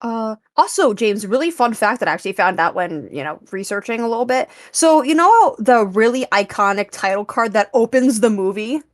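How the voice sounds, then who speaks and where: A woman's voice: on the high side, expressive, brisk, few pauses, no room sound, clean studio sound. A woman co-hosting a podcast, chatting eagerly about films with lots of fillers. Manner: chatty, enthusiastic, many fillers. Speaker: podcast co-host. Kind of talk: casual film discussion.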